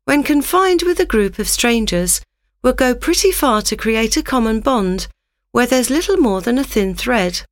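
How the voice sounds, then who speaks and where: A woman giving a scripted, instructive narration in a measured reading manner. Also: on the high side, lively intonation, no room sound, clean studio sound.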